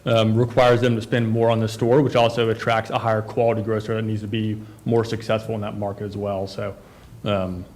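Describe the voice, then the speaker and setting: A man's voice: fairly low pitch, little pitch movement, brisk, a little mellow. A man presenting as a developer at a town council meeting, talking casually with many fillers and restarts.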